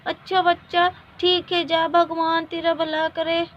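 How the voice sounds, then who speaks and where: A woman voicing a kindly old male holy man who gives slow, soothing, fatherly advice. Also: extremely high pitch, level tone, background noise. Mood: gentle. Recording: dull lo-fi recording.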